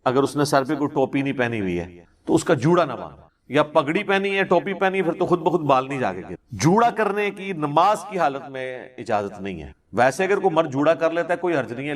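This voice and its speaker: A man's voice: fairly high pitch, sing-song. A man giving a question-and-answer religious lecture as a scholar, explaining points emphatically and with examples.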